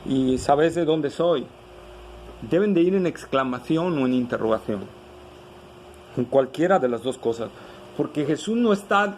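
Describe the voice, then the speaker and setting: A man's voice: medium pitch, a little hiss or hum, rough recording. A man preaching a sermon as pastor. He asks the congregation rhetorical questions, tagging many lines with "¿verdad?".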